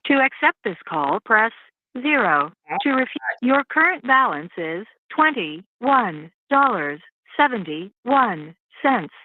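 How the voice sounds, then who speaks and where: A woman's voice: a little high, big pitch swings, slight background noise. A woman's recorded operator voice on a collect payphone call from a detention facility, reading formal automated prompts. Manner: recorded announcement, measured and formal. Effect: payphone call over a prison phone line. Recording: tinny phone line played back.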